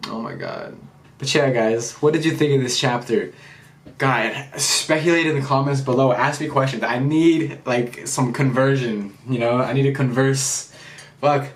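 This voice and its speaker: A young man chatting casually in a vlog review, slangy and excitable, swearing freely. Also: mid-range voice, unhurried. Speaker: anime and manga reviewer. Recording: roomy echo.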